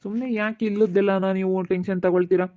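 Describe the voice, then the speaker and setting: An actor playing a calm male family elder who steadily consoles relatives and repeats his instructions. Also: sits high, a little fast, lightly acted. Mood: coaxing. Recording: tinny phone-like sound.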